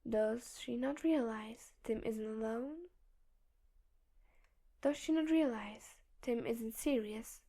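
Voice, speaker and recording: A woman narrating a fan audiobook in a steady, measured storytelling manner. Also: fairly high pitch.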